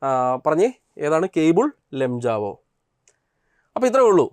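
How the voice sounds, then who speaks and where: A man's voice: a little high, very animated, moderate pace, darkish tone, no room sound. A young man teaching an exam prep lesson. He repeats each question and answer and checks in with his students.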